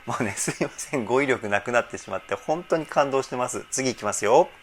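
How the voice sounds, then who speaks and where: A man's voice: medium pitch, animated, a little fast, slight background noise. A man working as a vocal trainer, giving effusive reaction commentary on a song. He breaks into exclamations between short analytic remarks. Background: faint song playing.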